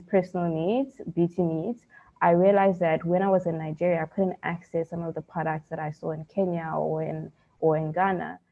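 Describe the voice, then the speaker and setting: A woman from South Africa speaking on a conference panel, measured and businesslike with frequent ums, over tinny phone-like call audio. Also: sits low.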